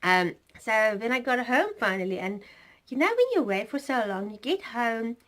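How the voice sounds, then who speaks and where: A South African woman talks casually on her knitting podcast, her voice sitting a touch high. She rambles and wanders into asides, leaning on fillers like "um" and "so anyway." It is relaxed, meandering chat. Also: normal speed. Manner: rambling, chatty, self-interrupting with fillers and laughs.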